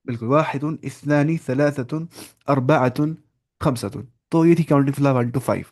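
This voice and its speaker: A man teaching an online Arabic class, patiently repeating each word slowly for his student over a video call. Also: medium pitch, darkish tone.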